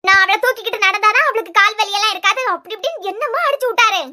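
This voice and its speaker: A woman's voice: extremely high pitch, rapid-fire, pushed and bright, a little hiss or hum, exaggerated voice. A woman voicing a scheming, spiteful young woman who sneers as she gossips, in a Kanyakumari Tamil accent, in a cartoon serial. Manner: sneering, indignant.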